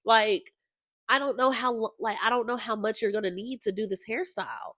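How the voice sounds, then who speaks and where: A woman hosting her own podcast, telling a story in a casual, exasperated, animated way and talking straight to her listeners. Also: a little high, moderate pace, no echo, clean studio sound. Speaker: podcast host.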